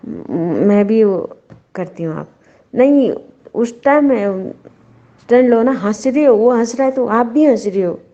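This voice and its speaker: Slow, blunt woman ranting in dull audio. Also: fairly high pitch, animated, dark tone. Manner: blunt, scolding, rambling with many restarts. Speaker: show reviewer. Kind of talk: casual opinion chat.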